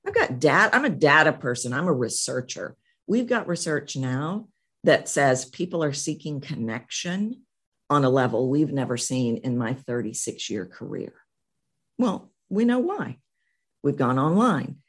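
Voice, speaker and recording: Lively, emphatic middle-aged woman coach. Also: low-pitched, breathy edge. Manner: energetic, emphatic, repeats phrases. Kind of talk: interview guest.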